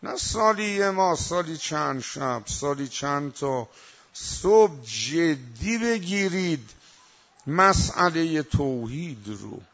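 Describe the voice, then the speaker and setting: A man giving a religious sermon, moving between quiet asides and loud, emphatic recitation. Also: on the high side, expressive. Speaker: preacher. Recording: dull lo-fi recording.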